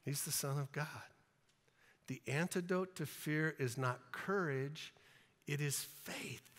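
A man's voice: on the high side, slow pace, a bit bright. A male pastor preaching a sermon, emphatic and earnest, acting out Bible scenes in playful asides. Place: church sanctuary. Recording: reverberant church hall.

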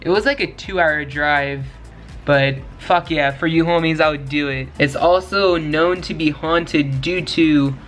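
A man's voice: fairly high pitch, measured pace, soft background music. Young man chatting slangy to camera. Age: young adult. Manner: casual slangy, chatty and excited. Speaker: urban exploration vlogger. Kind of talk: casual vlog talk to camera. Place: small bedroom lit with LED strips.

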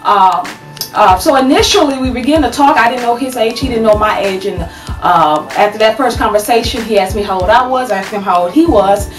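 Woman, 30s, advice vlogger. High voice, preachy and animated, echoey home room, far from the webcam. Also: fairly quick, soft background music. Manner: animated, preachy, says "okay?" often. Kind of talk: casual advice talk to camera. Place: small room at home, indoors. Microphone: webcam at desk distance.

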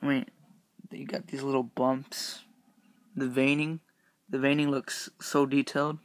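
A young YouTube reviewer rambles casually about a Halloween mask, speaking through the rubber mask he's wearing. He's upbeat and heavy on fillers, with a medium-pitched, level voice at an unhurried pace and no room sound.

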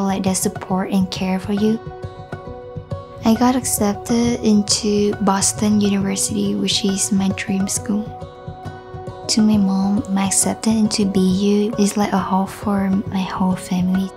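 A graduating student in her late teens, a young woman from Vietnam with a Vietnamese accent, telling her story sincerely in an even tone. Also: medium pitch. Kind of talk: personal testimony. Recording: voice over music.

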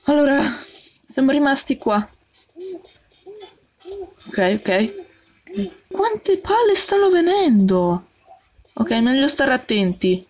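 A woman's voice: sits high, sing-song, slow, pauses often, a little mellow. A woman doing let's play commentary, jumpy and full of yelps, talking to her game character and her viewers. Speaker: gaming channel host.

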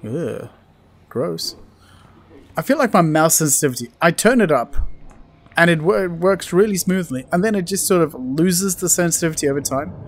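A let's play gamer with a slightly rough, higher voice and lively intonation offers casual, jokey commentary at normal speed while playing a video game. He talks to the objects and characters on screen.

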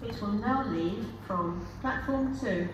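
A woman's automated voice making train platform announcements over a station loudspeaker, in measured, evenly spaced phrases. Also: medium pitch, far from the mic. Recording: echoey station PA heard from afar, loud trains. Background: trains and station noise.

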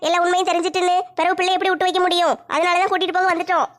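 A woman playing a sharp-tongued, bossy middle-aged mother in a comedy skit, scolding and giving orders. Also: very high-pitched, flat delivery, very fast. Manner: scolding, commanding.

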